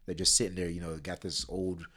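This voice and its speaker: Very deep-voiced man, casual guest. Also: a little fast. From Sierra Leone. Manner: relaxed, laughs easily, fillers like "you know". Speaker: podcast guest. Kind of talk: casual interview chat.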